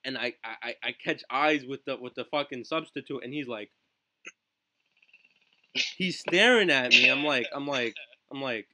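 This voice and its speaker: A man's voice: mid-range voice, moderate pace, pauses often, bright, forceful tone. A teenage boy hosting a live stream podcast, telling a story in casual, profane chat, full of fillers and "right?" tags. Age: teens. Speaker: livestream podcast host. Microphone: home stream mic with glitchy audio.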